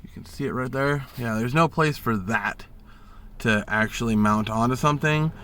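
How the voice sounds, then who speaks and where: Recorded on a handheld camera with faint vehicle noise, this vlogger walks through a DIY install inside his truck cab, plainspoken and mildly grumbling as he points things out. His mid-range voice is bright and forceful at normal speed.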